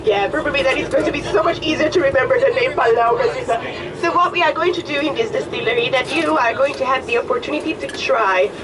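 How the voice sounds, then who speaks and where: A woman's voice: high voice, fast talker, few pauses, a crowd in the background. Hungarian-accented woman guiding a bus tour. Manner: friendly, chatty, joking with the group. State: slightly hoarse. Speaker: tour guide. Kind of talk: guided tour commentary on a coach. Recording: distant voice with vehicle noise.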